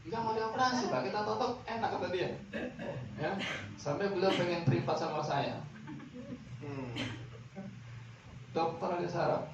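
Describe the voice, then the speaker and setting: A man delivers a lively, rhetorical training lecture, repeatedly checking that his listeners follow. His voice sits a bit high for a man. The recording sounds dull and distant, caught in a very echoey hall with faint noise behind it. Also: unhurried, long pauses. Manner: lively, rhetorical, quizzing the audience. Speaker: back-massage trainer.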